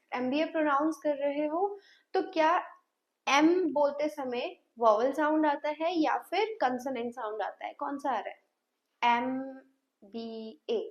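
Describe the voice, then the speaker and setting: A woman teaching an English grammar lesson, asking her class questions and repeating sounds patiently. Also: sits high. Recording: dull lo-fi sound.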